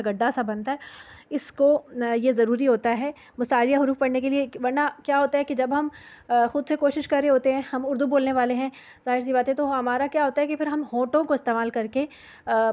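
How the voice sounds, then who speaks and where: High-voiced woman teaching recitation. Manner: patient, repeats sounds to demonstrate them. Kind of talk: explaining recitation rules. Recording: dull lo-fi audio.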